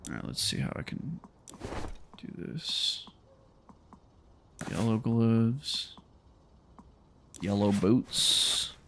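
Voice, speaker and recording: A man's voice: mid-range voice, very slow, long pauses, a bit bright, slight background noise. A man streaming a game, chatting casually and muttering to himself as he plays. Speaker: gaming livestreamer. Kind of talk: casual gameplay commentary.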